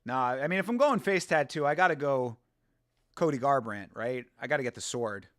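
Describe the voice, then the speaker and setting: Speaking at a moderate pace with lively intonation, a man with a medium-pitched, slightly bright voice runs a relaxed live watch-along. The studio sound is clean without echo, and he meanders, swears, laughs frequently, and answers comments from viewers.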